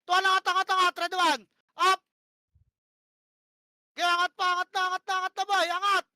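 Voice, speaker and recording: Woman, high bright voice, bossy profane game shot-caller, short repeated commands, dry close sound. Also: little pitch movement, brisk, no echo. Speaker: online game player calling plays to her team. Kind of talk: live gameplay shot-calling.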